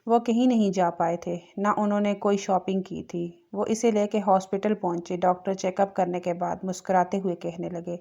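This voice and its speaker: A woman narrates a romantic audio novel in a calm, steady storytelling voice. Her pitch sits in the middle range, and she keeps an even pace through the reading. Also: vocal fry, few pauses, dull audio.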